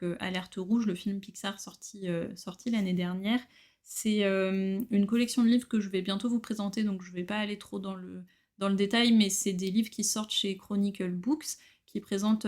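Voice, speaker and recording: A woman showing her new books in a casual vlog, chatty and relaxed, with frequent hesitations. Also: mid-range voice. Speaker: book collector vlogger. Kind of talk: casual book haul chat.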